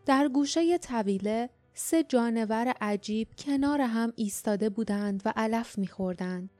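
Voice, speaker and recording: A woman narrating an audiobook in a steady, measured storytelling manner. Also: on the high side, dry recording. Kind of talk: scripted narration.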